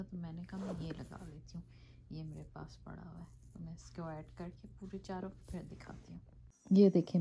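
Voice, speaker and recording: A woman's voice: mid-range voice, a bit bright, slight background noise. A middle-aged woman hosting a casual craft vlog, chatting as she explains each step and often checking in with "okay". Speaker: vlog host.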